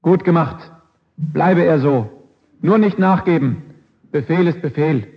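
A man voicing an imperious old king who barks orders in a raised, sharp voice, on a dull lo-fi recording. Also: a little high, measured pace, a little hiss or hum. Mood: pleased. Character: imperious old male king, gruff and commanding.

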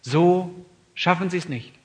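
Speaking a little slowly in a high-sitting voice, this preacher searches earnestly through his sermon. He fires question after question at the congregation, going quiet and reflective, then building to forceful, loud pleas.

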